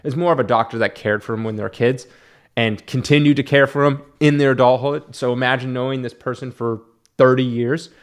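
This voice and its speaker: A man's voice: medium pitch, fairly even intonation, brisk. A man giving a casual, ranting film review in an exasperated, mocking way.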